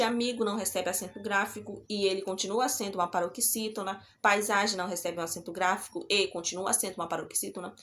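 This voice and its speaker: A woman's voice: on the high side, a bit bright. A woman teacher, giving a recorded lesson and patiently checking in with her students. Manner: patient, checks in often with the class.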